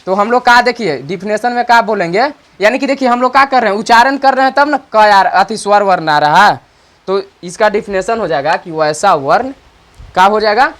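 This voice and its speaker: This online grammar teacher has a voice that sits high and sounds a bit bright. He goes over each point more than once and answers his own questions. When he writes, he dictates slowly.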